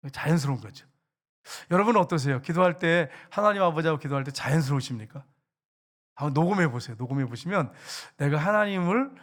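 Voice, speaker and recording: Man, pastor, conversational sermon, higher-pitched voice, questions to the congregation, joking asides, church. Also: fairly bright tone. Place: church sanctuary.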